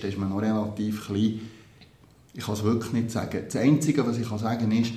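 A man's voice: fairly low pitch, darkish tone. A man, a percussion teacher answering interview questions earnestly and thoughtfully, with small hesitations. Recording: roomy echo.

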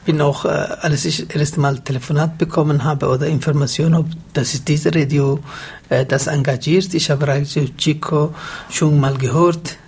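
Man, Somali accent, somewhat high voice, husky, hesitant with many fillers. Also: steady tone, a little mellow. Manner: halting non-native German, many fillers. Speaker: interview guest. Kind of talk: radio interview answers.

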